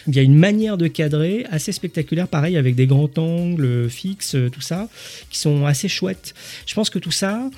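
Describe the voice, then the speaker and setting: A man's voice: on the high side, lively intonation, normal speed, darkish tone. A man co-hosting a film podcast, explaining camerawork and costumes with frequent hesitations. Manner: informative, hesitant with fillers. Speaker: podcast co-host. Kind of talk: film discussion.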